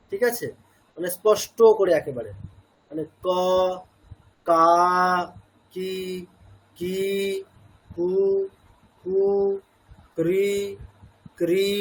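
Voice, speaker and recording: A man with a Bengali accent teaches a pronunciation class, talking it through step by step and often turning questions back to his listeners. His voice sits high for a man and has a breathy, husky edge. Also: poor audio. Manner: explains slowly, asks the class questions, mixes in English words. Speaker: Sanskrit chanting teacher. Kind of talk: classroom lecture.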